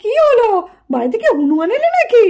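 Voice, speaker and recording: A woman voicing a gentle grandmother in a puppet cartoon who calms and coaxes the family. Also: extremely high pitch, fairly quick, vocal fry, full character voice. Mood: coaxing. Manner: coaxing, calming.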